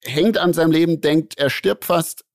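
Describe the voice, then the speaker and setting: A man, telling a long story as a podcast co-host in a lively, slangy way and acting out the voices in it. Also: on the high side, moderate pace, no echo, studio quality. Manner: animated, acts out voices in his anecdote, slangy. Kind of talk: casual storytelling among friends.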